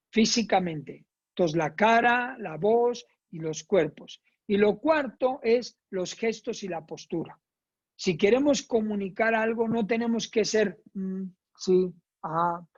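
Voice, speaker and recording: A woman's voice: medium pitch, darkish tone. Emphatic woman teaching a class. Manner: emphatic, repeats phrases in lists, checks in with "¿verdad?". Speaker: course instructor. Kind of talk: psychoeducational lecture. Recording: dull lo-fi recording.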